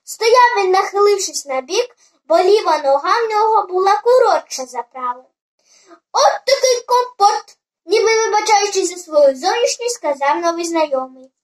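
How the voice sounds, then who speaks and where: A storyteller reading a fairy tale aloud in an expressive, lively way. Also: extremely high pitch, moderate pace.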